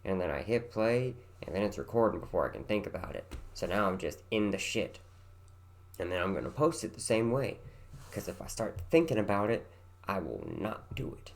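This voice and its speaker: A man's voice: on the low side, expressive, normal speed, gravelly. A tired man in his thirties talks casually to the camera in a light West Virginia country accent. He rambles and meanders, pokes fun at himself, and drifts into repeating his words. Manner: meandering and self-deprecating, trails off into repeated words. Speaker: vlogger.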